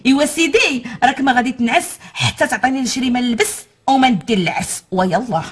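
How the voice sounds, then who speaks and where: A nagging Moroccan wife. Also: female voice, high voice, quick pace, husky. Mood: scolding. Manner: nagging, complaining. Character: nagging married woman, scolding her husband. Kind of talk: film dialogue.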